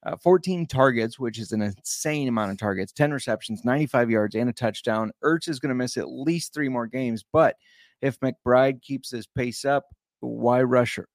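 A man's voice: mid-range voice, moderate pace, dry recording, studio quality. A man co-hosting a casual fantasy football podcast, easygoing and often correcting himself as he reads listener questions. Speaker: podcast co-host.

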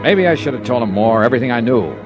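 A man with a medium-pitched, animated voice speaks quickly as both narrator and hard-boiled insurance investigator in a 1950s radio drama, keeping it terse and matter-of-fact. The recording is an old radio broadcast with music.

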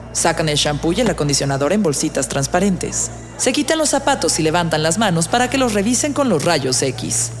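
A narrator reading scripted, present-tense audio drama narration. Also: medium pitch. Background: loud music, vehicle and outdoor sound effects.

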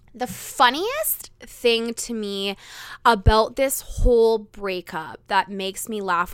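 Young woman podcasting solo, super chatty, lots of "like", bright clear voice, dry close mic. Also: mid-range voice, no room sound. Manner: chatty and candid, lots of "like" fillers, quick bursts. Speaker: podcast host. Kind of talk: candid solo podcast monologue.

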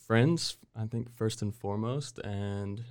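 A man from Waco, Texas speaks as a guest in a casual chat, his voice sitting very low. He talks in an easygoing, unhurried way, pausing often with fillers. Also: a little mellow. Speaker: guest, painter.

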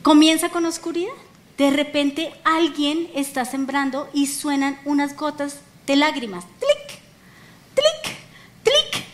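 A woman pastor delivers a sermon in a high, bright voice. She pushes hard on her calls to the congregation, then softens and lowers for the personal moments. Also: level tone, measured pace, a little hiss or hum. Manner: emphatic, rising to calls and dropping low for intimate points.

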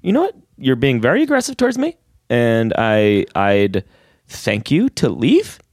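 A man's voice: medium pitch, huge pitch swings, unhurried, dry recording, clean studio sound, full character voice. A man improvising a prim, evasive daycare manager who turns flustered and defensive. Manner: flustered, defensive, falsely polite. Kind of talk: improv sketch.

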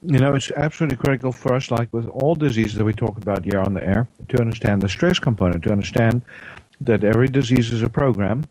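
A man hosting a radio health show, talking in a loose, rambling way with lots of fillers and frequent throat clearing. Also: medium pitch, fast talker, a little mellow, poor audio. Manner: rambling, many fillers and restarts. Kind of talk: casual health talk on air. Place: radio studio.

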